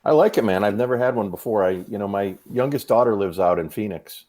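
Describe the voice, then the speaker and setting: A Massachusetts man in his fifties, a podcast guest, chats casually about fitness. He's a relaxed storyteller who uses lots of fillers, and he talks fast in a fairly low voice.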